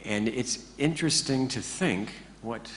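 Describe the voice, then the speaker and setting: A man teaching a class in a relaxed, joking way, often checking in with his listeners. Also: mid-range voice, a little slow, slight background noise. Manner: joking, conversational, keeps checking in with the audience. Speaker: meditation teacher. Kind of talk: informal talk to a class.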